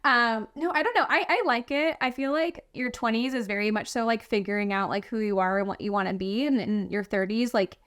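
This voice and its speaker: Smooth-voiced woman in her thirties chatting. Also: on the high side, brisk, hardly any pauses, fairly bright tone. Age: 30s. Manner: chatty, filler-heavy, laughs often. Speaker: podcast co-host. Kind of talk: casual podcast chat.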